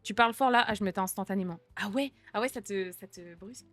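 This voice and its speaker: A woman's voice: mid-range voice, fast talker, soft background music. A young woman, a streamer chatting casually and answering viewer messages with slang, jokes and reassurance.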